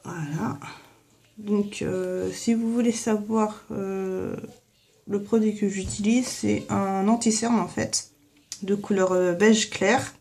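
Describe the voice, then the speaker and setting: This young woman is a beauty vlogger doing a hair and makeup tutorial in her bathroom, captured with a phone headset mic. She speaks slowly with fairly even intonation in a mid-range, gravelly, slightly mellow voice, chatty and full of fillers and "en fait".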